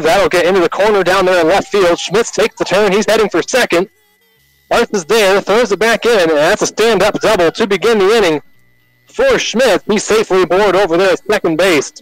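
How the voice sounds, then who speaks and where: A man with an American accent calling live baseball play-by-play on the radio in short, measured announcer phrases. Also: high voice, no echo, poor audio.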